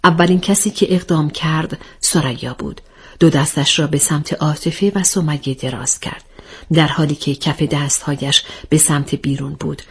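A woman's voice: low voice, fairly even intonation, breathy edge. A woman narrating a story aloud, reading expressively and steadily.

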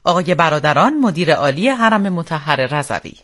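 A man's voice: a little high, big pitch swings, fairly bright tone. A man with an Iranian accent reads a scripted radio news bulletin in a solemn, formal newsreader manner. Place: radio studio.

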